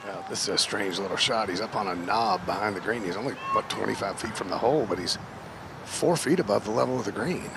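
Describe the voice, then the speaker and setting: A man's voice: lowish voice, fast talker. A man giving live golf commentary in a wry, offhand manner. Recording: clear outdoor course noise behind.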